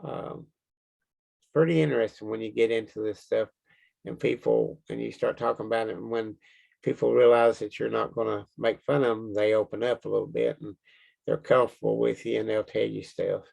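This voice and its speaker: A man's voice: lowish voice, steady tone, fairly quick, gravelly, darkish tone, rough recording. A man with a Kentucky accent, chatting in a rambling, folksy way as an interview guest. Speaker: Bigfoot researcher being interviewed. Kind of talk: casual interview chat.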